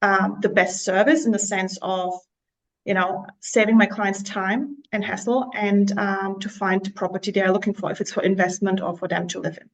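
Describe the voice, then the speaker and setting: A woman's voice: mid-range voice, fairly even intonation, moderate pace, poor audio. Chatty woman real estate agent. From Slovakia. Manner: chatty, many fillers and restarts. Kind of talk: casual interview talk.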